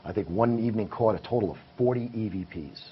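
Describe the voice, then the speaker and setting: Talking fast in a voice on the low side, a paranormal investigator shares detailed findings with earnest intent as a guest in a casual interview. Faint hiss runs under the muffled recording.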